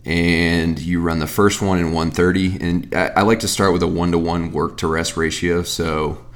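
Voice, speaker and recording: A man in his thirties with a very deep, low-pitched voice talks through training advice in a loose, conversational way. He rambles, restarts his sentences and fills gaps with casual asides, like a coach answering listener questions on his own podcast. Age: 30s. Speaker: fitness coach and podcast host.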